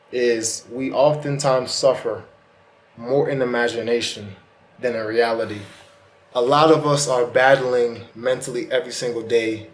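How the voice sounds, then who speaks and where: A man's voice: medium pitch, roomy sound. A man with slightly lisping, slurred speech from a retainer, giving a casual, earnest motivational monologue straight to the viewer. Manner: casual, colloquial, earnest direct address. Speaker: host of self-help vlog.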